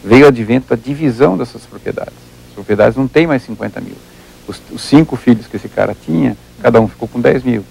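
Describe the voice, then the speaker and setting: A man's voice: medium pitch, brisk, creaky, a little mellow, husky, low-quality recording. A Brazilian man, a livestock researcher as an interview guest, explaining at length and working through examples, often repeating words as he thinks.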